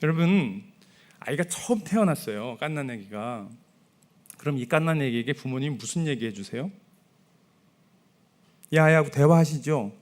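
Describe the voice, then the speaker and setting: A male pastor giving a Sunday sermon in a church, talking to the congregation in a conversational way and softly acting out sample prayers. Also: mid-range voice, expressive, normal speed. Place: church sanctuary.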